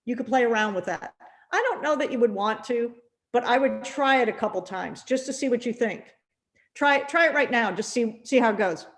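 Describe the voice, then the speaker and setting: A middle-aged woman teaching a percussion masterclass, gently encouraging and often repeating words as she thinks aloud. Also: fairly high pitch, moderate pace.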